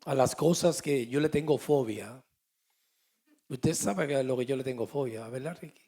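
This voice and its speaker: A man, preaching a sermon as pastor, swinging from quiet asides to loud emphatic declarations. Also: mid-range voice, normal speed.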